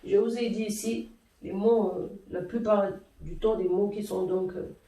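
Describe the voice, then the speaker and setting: A woman teaches a language lesson slowly and with patience, pausing often to find her words. Her voice is mellow and a little dark. She sits back from the mic in a room that echoes. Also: mid-range voice, fairly even intonation, recorded from a distance. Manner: slow, patient explaining with frequent hesitations.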